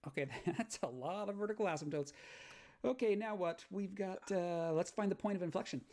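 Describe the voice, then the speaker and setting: A man's voice: sits high, brisk, darkish tone. A man teaching a math lesson on video, explaining graph sketching step by step and checking in with "right?". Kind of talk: recorded lecture walkthrough.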